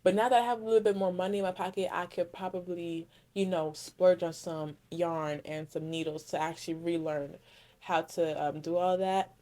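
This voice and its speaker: A young Connecticut woman hosts her own podcast, rambling casually through a solo Q&A, correcting herself often and leaning heavily on "like." Her voice is fairly low and dark, with fairly even intonation and a moderate pace.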